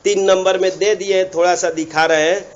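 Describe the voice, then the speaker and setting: A man teaches a grammar lesson in a fairly high voice. He repeats key terms and keeps reminding the listener to pay attention. The recording is dull and lo-fi. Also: fairly even intonation, normal speed. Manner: repetitive, checks understanding with asides.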